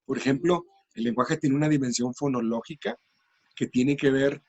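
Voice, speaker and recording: A man's voice: medium pitch, moderate pace, dry recording, muffled recording. A middle-aged man, a teacher trainer explaining classroom practice patiently in an interview.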